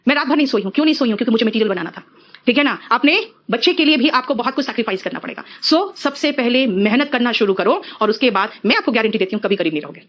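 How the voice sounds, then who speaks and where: A middle-aged woman teaching an exam-prep English lesson, calling her students "beta" and slowing down to spell out example sentences. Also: fairly high pitch, animated, a bit bright. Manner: addresses students as beta, mixes Hindi and English.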